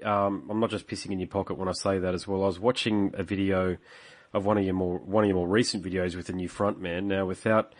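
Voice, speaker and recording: A man with a fairly low voice and an Australian accent speaks as a podcast interviewer. His manner is blokey and informal, like a tradesman chatting to a mate, with plenty of local slang. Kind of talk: casual phone interview.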